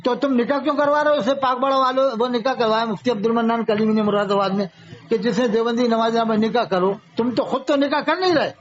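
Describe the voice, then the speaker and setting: A man's voice: very high voice, steady tone, a little hiss or hum. A man from India gives a polemical religious talk, arguing and firing off rhetorical questions. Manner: argumentative, fires off rhetorical questions. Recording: dull lo-fi audio.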